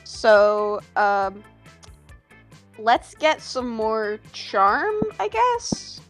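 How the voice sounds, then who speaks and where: Brief: giggly, hesitant woman player, fairly high voice. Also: very animated, drawn-out words, fairly bright tone, soft background music. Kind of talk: casual chat while gaming.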